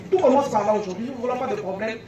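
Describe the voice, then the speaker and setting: A woman's voice: fairly high pitch, rapid-fire, a crowd in the background. A woman journalist, putting direct, pointed questions to candidates in a debate. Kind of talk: moderated political debate. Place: large meeting hall with an audience. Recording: echoey hall from far off, audience noise.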